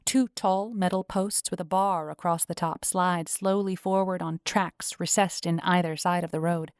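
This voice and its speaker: A woman's voice: fairly low pitch, fairly even intonation, normal speed, smooth, no room sound. Dry close woman narrating a book. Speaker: audiobook narrator. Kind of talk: first-person scripted narration.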